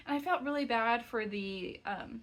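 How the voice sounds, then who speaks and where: A woman's voice: a little high, normal speed, a bit bright. A young woman crochet vlogger telling a travel story in a chatty, exasperated way, full of "like" fillers. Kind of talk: casual storytelling vlog.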